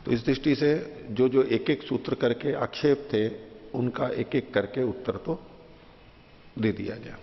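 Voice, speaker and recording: A man's voice: medium pitch, measured pace. A male teacher patiently explaining a philosophical text to a class, taking each point in turn and repeating it with simple examples. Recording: muffled, with long hall reverb.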